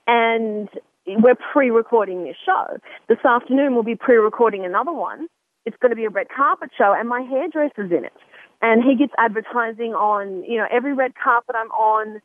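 A woman hosts a radio talk show over a narrow, phone-like line, chatty and prone to restarting sentences, interrupting herself and repeating words. Her voice sits on the high side at normal speed, and the recording is dry.

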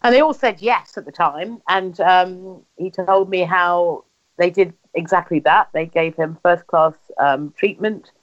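The recording, slightly dull and lo-fi, features a woman from England with a fairly low voice and a measured pace. As an interviewee recounting family history, she tells personal stories conversationally with an English accent, acting out dialogue from memory.

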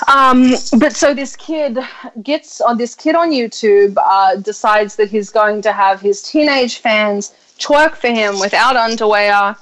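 A woman in her thirties with a fairly high voice, hosting a loose, casual chat. She talks bluntly and freely, swears without hesitation and leans on lots of ums as she goes. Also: unhurried, fairly bright tone, poor audio. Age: 30s. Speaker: podcast host.

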